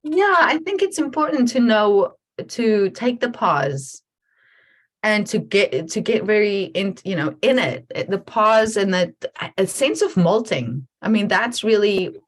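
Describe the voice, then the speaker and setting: A woman hosting a casual conversation over a video call, talking in a reflective, halting way with many restarts. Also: mid-range voice, animated. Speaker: podcast host.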